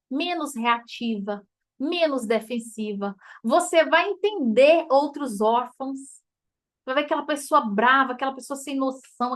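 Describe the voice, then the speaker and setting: Brazilian woman teaching a faith class, high voice, chatty and emotional, laughs a lot. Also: a bit bright. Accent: Brazilian Portuguese. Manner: chatty and emotive, addressing listeners as "gente", laughs often. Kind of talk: informal teaching talk to a group.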